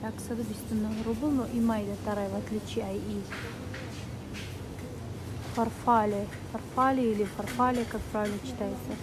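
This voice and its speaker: A woman's voice: mid-range voice, flat delivery, normal speed, long pauses. A woman from Tajikistan talking casually to her viewers while shopping in a grocery store, thinking aloud as she goes. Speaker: vlogger. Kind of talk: casual vlog talk. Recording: noisy shop background.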